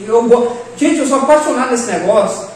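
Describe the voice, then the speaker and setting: A high-voiced man teaches church leadership in a casual classroom lesson with discussion, speaking fairly quickly. He's animated and acts out quoted dialogue, and the recording is echoey, with a distant mic and faint noise.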